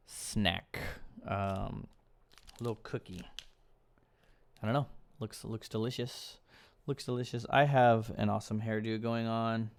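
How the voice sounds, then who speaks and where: A man's voice: mid-range voice, mellow, smooth. Chatty young man live-streaming. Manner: loose, rambling, chatty with viewers. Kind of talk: casual live-stream chat. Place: indoors at a table, eating snacks.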